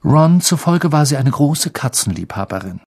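A man narrating an audiobook with a steady storytelling delivery. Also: fairly high pitch, moderate pace, husky. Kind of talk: scripted narration.

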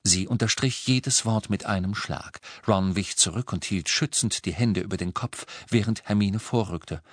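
A man narrating a novel as an audiobook, with an expressive, dramatic reading. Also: fairly low pitch, moderate pace, no echo, studio quality.

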